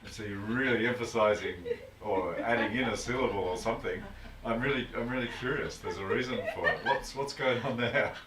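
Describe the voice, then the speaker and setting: A man's voice: fairly low pitch, a little fast, few pauses. A man hosting an interview, affirming and curious as he asks questions, on a video call. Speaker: host. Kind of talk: interview conversation. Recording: distant roomy mic with faint noise.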